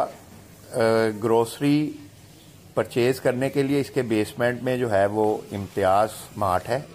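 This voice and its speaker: A young man talking as a vlogger with a lapel mic, slow and halting with many fillers, showing viewers around a mall. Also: lowish voice, a little mellow, slight background noise. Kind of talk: casual walking vlog narration.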